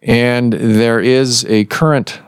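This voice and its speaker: A man hosting a medical podcast, explaining things in a measured way with pauses and restarts. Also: mid-range voice, fairly even intonation, clear, resonant tone, dry recording, clean studio sound. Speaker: podcast host and surgeon. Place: office recording room.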